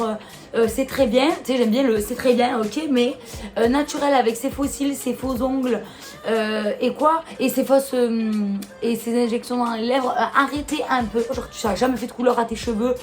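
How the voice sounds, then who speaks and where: A woman with a Marseille accent, casually talking to camera in a vlog and answering comments in a blunt, exasperated way. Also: fairly high pitch. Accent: Marseille French. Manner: blunt, exasperated, fond of rhetorical questions. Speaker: YouTuber.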